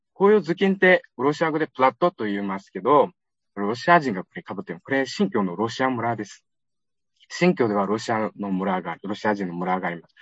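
A man from Xinjiang, China, giving a lively, conversational public lecture with frequent fillers. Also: fairly low pitch, slightly rough, no echo. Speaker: guest lecturer. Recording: dull lo-fi recording, dry.

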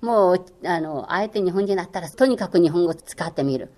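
With a fairly low, dark voice and lively intonation, an older woman speaks at a brisk pace. A former radio language lecturer whose native tongue is Chinese, she answers an interviewer's questions earnestly and encouragingly, often hesitating with fillers.

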